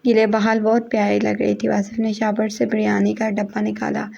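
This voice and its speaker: Gravelly, monotone woman telling a story. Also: medium pitch. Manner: monotone reading. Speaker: story narrator. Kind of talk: storybook narration. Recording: dull lo-fi recording.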